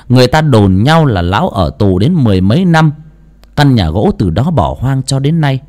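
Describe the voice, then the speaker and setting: A man narrating an audiobook story in an expressive storytelling manner. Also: medium pitch.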